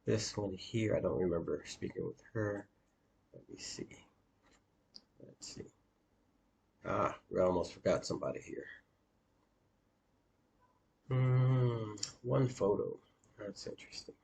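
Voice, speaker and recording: Man, very low voice, dating coach, screen-share walkthrough, halting, filler-heavy. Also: expressive, creaky, a little mellow, a little hiss or hum.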